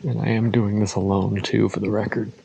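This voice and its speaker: A man's voice: lowish voice, little pitch movement, brisk, gravelly, noisy background. A man talking casually and in awe to his camera as he explores alone, his voice echoing in a cave. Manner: awed, informal. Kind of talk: casual vlog chat, speaking to camera. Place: inside a lava tube cave.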